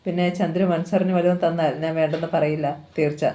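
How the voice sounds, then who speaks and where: A coy, fawning older aunt with a greedy streak, voiced by the narrator of the novel. The delivery is mellow and dark, in a plain audiobook reading. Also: mid-range voice, level tone, fast, close to an everyday voice.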